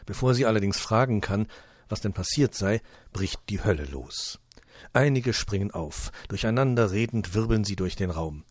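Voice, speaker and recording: A man reading a humorous short story aloud in a calm, even storytelling manner. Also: lowish voice, moderate pace, no room sound, studio quality. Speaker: narrator.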